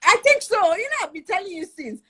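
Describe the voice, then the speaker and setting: A woman, chatting in a lively, animated way in a casual conversation. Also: very high voice, quick pace, a little hiss or hum. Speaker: conversation partner.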